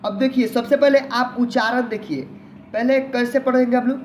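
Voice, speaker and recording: A man's voice: very high-pitched, steady tone, moderate pace, a little mellow, slight background noise. A man teaching an online lesson in a patient manner, who repeats each word several times and often addresses the viewer as his friend.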